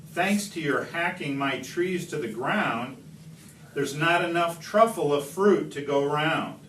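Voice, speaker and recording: A man reading as an indignant storybook creature who guards the trees, insistent, reproachful and declamatory. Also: on the high side. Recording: distant mic, echoey room, background noise.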